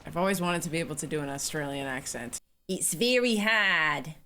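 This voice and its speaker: A woman's voice: sits low, fairly quick, pushed and bright. A woman hosting a horror movie reaction, chatting casually with giggly, exclaiming remarks.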